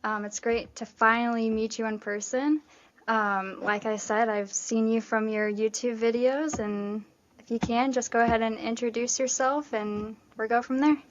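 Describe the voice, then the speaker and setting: With a rather high, steady voice at normal speed, a podcast host keeps her casual interview upbeat and talkative. Fillers abound, especially "like," and the audio sounds dull.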